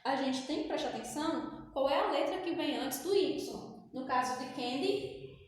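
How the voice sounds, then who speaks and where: A woman's voice: sits high, animated, normal speed. A Brazilian woman English teacher with a Brazilian Portuguese accent, explaining a lesson step by step and answering her own questions. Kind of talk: recorded classroom lesson for sixth graders. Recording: very echoey, reverberant room.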